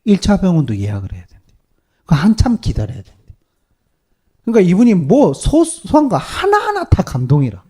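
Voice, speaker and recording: A male pastor preaching a sermon to his congregation, animated and peppering them with rhetorical questions. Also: high-pitched, brisk, long pauses, husky. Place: church service.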